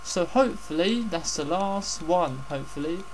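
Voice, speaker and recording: A man's voice: high voice, animated, moderate pace, a little hiss or hum, poor audio. A man hosting casual game commentary, rambling and repeating his phrases, with some swearing. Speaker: gaming host.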